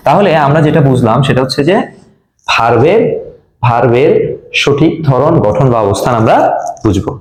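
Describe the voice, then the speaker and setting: A man with a Bangladeshi Bengali accent teaching an English grammar class, quizzing students and repeating the key words. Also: mid-range voice. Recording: echoey classroom.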